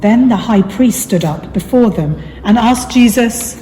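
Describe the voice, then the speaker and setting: A woman's voice: fairly high pitch, lively intonation, measured pace, mellow. A woman narrator reading scripture as part of a dramatic reading. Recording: echoey reverberant hall, clear background noise.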